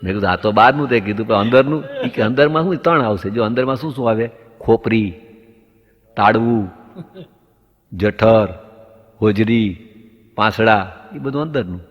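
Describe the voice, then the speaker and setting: A man with a fairly low voice does stand-up, telling anecdotes at a normal speed with long pauses and playing both sides of each exchange until the punchline. The recording sounds dull and lo-fi, with a long hall reverb.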